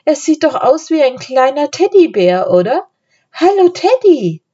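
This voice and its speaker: A woman voicing an eager, impatient young girl in an audiobook, excited and a little bossy. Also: fairly high pitch, moderate pace, breathy edge, highs cut off, voice pushed up. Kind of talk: audiobook character voice.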